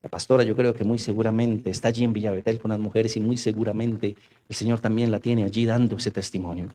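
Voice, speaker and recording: Pastor guy, middle-aged, warm low-toned voice, preaching and telling his own story, keeps saying brothers. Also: little pitch movement, fast talker. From Colombia. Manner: storytelling, repeating "mis hermanos", voice rising and dropping with emotion. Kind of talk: sermon with personal testimony. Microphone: radio studio or church mic.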